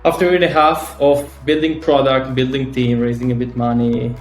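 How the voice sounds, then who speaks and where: A man's voice: medium pitch, flat delivery, brisk. Israeli founder in his thirties, roomy sound. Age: 30s. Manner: fillers and restarts, eager, slightly non-native phrasing. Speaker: startup founder, guest. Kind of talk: casual interview chat. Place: home or office in Tel Aviv. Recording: roomy call audio with faint music.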